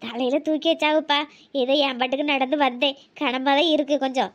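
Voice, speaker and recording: A bossy, nosy old grandmother from a village cartoon, played by a woman, scolding in a broad Tirunelveli Tamil accent. Her voice sits very high and thin, pitched far above a normal woman's speech. She calls out loudly and teases everyone around her. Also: steady tone, fairly quick, lo-fi sound, lightly acted. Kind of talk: cartoon comedy voice acting.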